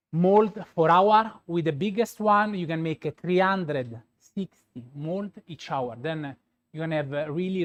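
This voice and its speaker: A man with a Roman Italian accent presents a live product demonstration as a pastry chef. His voice sits a little high and he speaks slowly and haltingly, often searching for words. He repeats key points to drive them home. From Rome, Italy.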